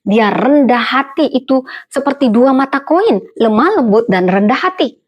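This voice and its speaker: A woman pastor delivers a Sunday sermon to her church. Her voice sits fairly high and leaps upward on the words she wants to stress. She keeps turning to the congregation with rhetorical questions. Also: moderate pace. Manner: lively preaching with rhetorical questions, addresses listeners as brothers and sisters; emphatic, swings pitch up on key words. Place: church service.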